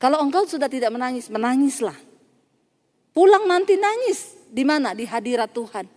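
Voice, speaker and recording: A woman pastor preaches to her congregation in a lively storytelling way, dropping quoted voices and laughs into her points. Her voice sits high and bright above the others. Long reverb trails each phrase, as in a large church hall. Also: moderate pace. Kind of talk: sermon.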